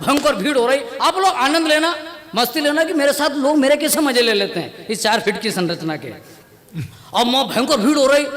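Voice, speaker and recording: A comic poet on stage, telling chatty, self-mocking stories and acting out the dialogue. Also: male voice, very high-pitched, fairly bright tone, big-room sound. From India. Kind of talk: stand-up storytelling at a poetry gathering. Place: stage at a poetry gathering. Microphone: stage mic on a stand.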